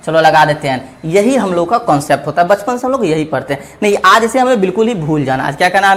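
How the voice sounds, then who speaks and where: A man teaching an exam-prep grammar lesson, repeating each point as a question and asking his students whether it is clear. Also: high-pitched, fairly bright tone. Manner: checks understanding with "clear?" and "theek hai na".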